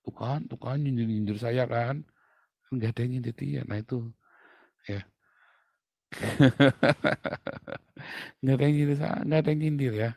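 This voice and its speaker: A middle-aged man preaching a sermon as a pastor, blunt and animated, joking and laughing with his listeners. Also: medium pitch, no room sound, rough recording.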